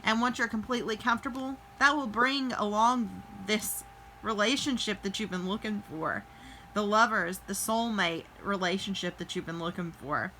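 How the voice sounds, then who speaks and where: A woman reads tarot for her viewers in a loose, chatty way, talking through the cards as she goes. Her voice is bright and clear, with some faint noise behind it. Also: mid-range voice, rough recording. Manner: chatty, thinks aloud, fillers and restarts. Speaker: tarot reader. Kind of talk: casual tarot reading to camera.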